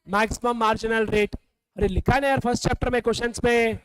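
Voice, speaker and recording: A man's voice: very high-pitched, fairly even intonation, quick pace, a bit bright, clear, resonant tone, no echo, poor audio. A man from India teaching a classroom revision lecture, quizzing students and scolding them in a teasing way.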